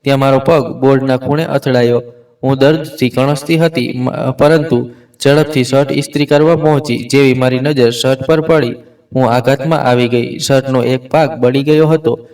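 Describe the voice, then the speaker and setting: A man reading a scripted first-person family story in an even, steady way. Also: medium pitch, normal speed, far from the mic, poor audio.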